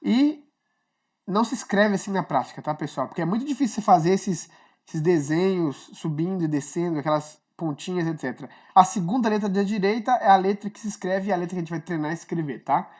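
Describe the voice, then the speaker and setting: A woman's voice: on the low side, expressive, brisk, a little mellow. A woman gives a casual online Hebrew lesson, explaining each letter step by step and often checking in with her students. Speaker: Hebrew teacher.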